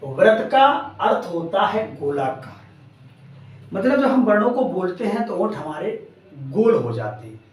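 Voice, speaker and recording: A man's voice: high-pitched, sing-song, measured pace. Echoey, distant male teacher. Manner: repeats key terms as questions to students; addresses students warmly as friends. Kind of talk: classroom grammar lesson. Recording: very echoey room, voice far from mic.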